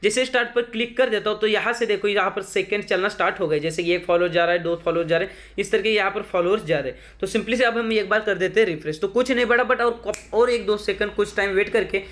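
A man's voice: high voice, steady tone, quick pace, few pauses, fairly bright tone. A man giving a chatty, repetitive step-by-step walkthrough of a phone app for his channel. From India. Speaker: tech tutorial youtuber. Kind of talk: screen-recorded how-to walkthrough.

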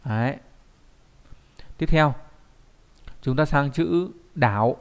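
A man teaches kanji in an online lesson. His pitch sits in the middle range. He keeps checking in with the class through rhetorical questions as he explains. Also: takes it slowly, smooth.

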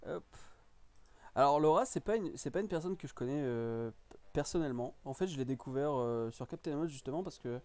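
A man's voice: medium pitch, lively intonation, fairly quick, a little mellow, dry recording. A man hosting a casual live stream, chatting and reacting to viewers' comments.

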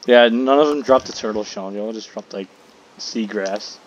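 A man's voice: lowish voice, moderate pace, highs cut off, slight background noise. A young man hosting a casual gaming chat with friends, joking and wrapping up the episode. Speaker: gamer hosting a let's play.

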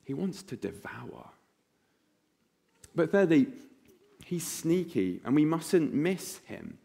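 A man preaching a sermon in church, telling vivid stories and acting out voices in a hushed tone. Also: a little high, very animated, slow pace, vocal fry.

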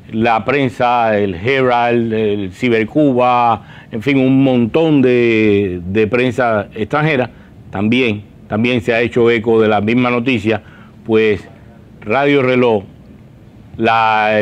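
A man's voice: medium pitch, clear, resonant tone. A middle-aged man hosting a studio talk show, chatty and given to repeating and restarting his phrases. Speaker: host. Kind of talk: news talk show interview. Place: large TV newsroom studio.

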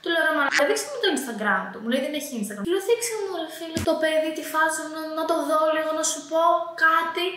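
A woman's voice: high-pitched, few pauses, a crowd in the background. A young woman from Greece casually telling funny stories to camera as a vlogger, chatty and laughing, swearing casually. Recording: very echoey room with faint noise.

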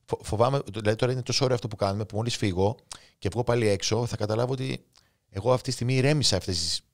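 A man in his thirties with a Cypriot Greek accent, a guest author and coach speaking in a casual interview with an impulsive, emotional, spontaneous storytelling manner. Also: mid-range voice. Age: 30s.

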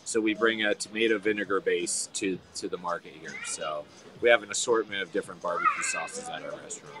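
A man's voice: fairly low pitch, a little fast. A middle-aged man from Maryland who owns a barbecue restaurant, chatting casually outdoors with a lot of fillers and trailing "so"s. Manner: relaxed, many fillers, trailing "so". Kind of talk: casual interview. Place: outdoor farmers market booth. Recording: outdoor market crowd noise. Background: market crowd.

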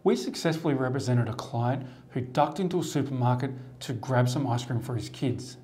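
An Australian man, a lawyer, giving a measured, formal scripted explainer to camera from a studio desk on a lapel mic. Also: medium pitch. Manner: measured, formal, steady delivery. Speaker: lawyer presenting a firm's explainer.

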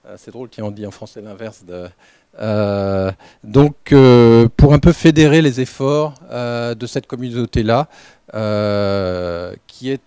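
A man giving an unscripted welcome talk as director of a research lab, halting, with many fillers and restarts. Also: medium pitch, warm tone, clear, resonant tone, no echo, clean studio sound. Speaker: lab director opening a training session.

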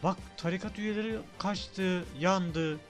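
Young male let's-player, high voice, jumpy, talks to himself, light cursing, faint music underneath. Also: measured pace. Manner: excitable, thinks aloud, swears casually. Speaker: gaming channel host. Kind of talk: casual let's-play commentary.

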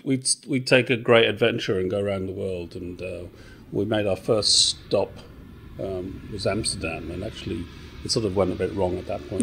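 A middle-aged Welshman with a Welsh accent and a low, creaky voice appears as a podcast guest in a casual interview chat. He thinks aloud as he talks, with many fillers and restarts.

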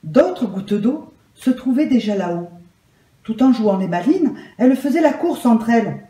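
Calm woman reading a story aloud. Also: fairly high pitch, unhurried. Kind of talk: gentle read-aloud storytelling. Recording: roomy echo.

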